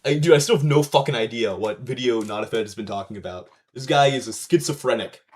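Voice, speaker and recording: A man hosting a casual gaming livestream in hyped gamer-bro talk full of swearing and slang, with a slightly husky voice. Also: medium pitch, fast talker. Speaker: live streamer hosting a game stream.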